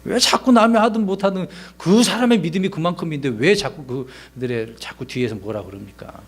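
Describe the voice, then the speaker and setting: Middle-aged pastor guy preaching, chatty, throws lots of questions at the room, slightly high voice. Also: brisk, slightly rough. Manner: conversational preaching with rhetorical questions, acts out quoted lines. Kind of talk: sermon.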